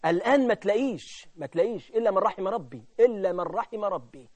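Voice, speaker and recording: Egyptian man, very high voice, fervent sermon, hushed asides to loud peaks. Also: animated, quick pace, no room sound. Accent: Egyptian Arabic. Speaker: preacher.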